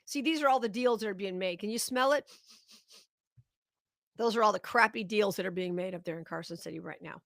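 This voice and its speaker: A woman's voice: mid-range voice, fairly quick, vocal fry, pauses often, a bit bright, no room sound, clean studio sound. A middle-aged woman hosting a live political commentary show, talking straight to her viewers with indignant, sarcastic outrage.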